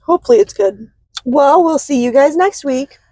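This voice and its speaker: A woman's voice: sits high, animated, moderate pace, dark tone, dry recording. A young woman co-hosting a podcast in casual chat, giggling and giving short replies. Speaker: podcast co-host.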